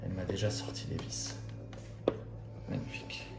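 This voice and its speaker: A man's voice: moderate pace, music in the background. A man with a French accent hosting a bilingual model-assembly tutorial, easygoing and joking at himself as he explains each step. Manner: easygoing, jokes at himself, repeats each step in two languages. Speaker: RC model hobby video host. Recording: echoey room.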